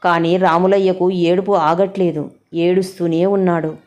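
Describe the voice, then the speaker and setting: A woman narrating a village story in a steady, plain way, with a Telangana Telugu accent. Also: lowish voice, normal speed, lo-fi sound.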